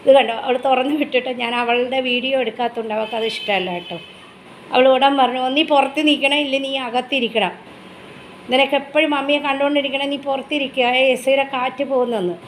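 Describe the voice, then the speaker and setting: High-voiced doting Malayali woman. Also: steady tone, quick pace. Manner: doting baby talk mixed with chatty asides. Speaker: vlogger showing her pet dog. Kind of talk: casual home vlog, cooing to her dog. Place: home, kitchen area. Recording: echoey home room with faint background noise.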